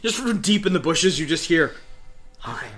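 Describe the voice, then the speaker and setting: A man co-hosting a let's play, joking crudely and reacting excitedly to the game. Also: sits high, brisk, music in the background. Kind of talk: casual gaming banter.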